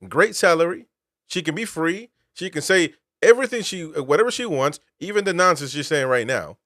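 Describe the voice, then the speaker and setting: A man's voice: fairly high pitch, lively intonation, normal speed, fairly bright tone, no room sound, clean studio sound. A man from Peru, host and military veteran, giving political commentary with emphatic, incredulous rhetorical questions.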